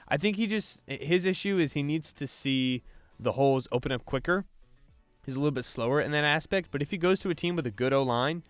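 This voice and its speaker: A man's voice: a little high, smooth, no echo. A man hosting a sports podcast, breaking down draft prospects in a loose, casual way with lots of fillers and restarts. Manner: loose, filler-heavy delivery with frequent restarts.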